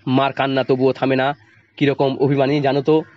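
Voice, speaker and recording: A man's voice: mid-range voice, completely flat delivery, moderate pace. A man teaching a class, reading a story aloud and explaining it line by line in plain words, often checking that the students follow. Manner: reads the text aloud, then retells it in plain words and quizzes the class. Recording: dull lo-fi sound.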